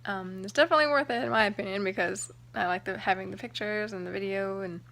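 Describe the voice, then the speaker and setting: A young woman vlogger telling a personal story to camera in a chatty, excited way, full of "like" and "um". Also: mid-range voice, quick pace, gravelly. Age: young adult. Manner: chatty, excited, heavy use of "like" and "um".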